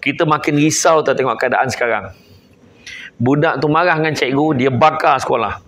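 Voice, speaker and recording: Joking Malaysian preacher, live talk. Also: male voice, mid-range voice, moderate pace, fairly bright tone. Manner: joking and teasing with the crowd, switching between I and aku. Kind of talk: comedic religious talk to a live audience.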